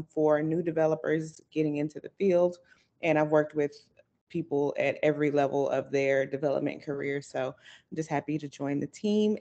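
A woman who works as a developer and mentor, introducing herself on a video call in a steady, confident way. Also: sits low. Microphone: webcam on a video call.

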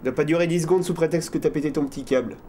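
A man's voice: on the high side, rapid-fire, dark tone, slight background noise, natural voice. A young man playing an impatient, crude film director in a student short film, barking orders and swearing. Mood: irritated. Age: young adult.

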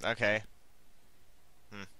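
A man's voice: slow, dry recording. A young man giving casual, rambling let's play commentary, sarcastic and swearing as he plays. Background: loud game music.

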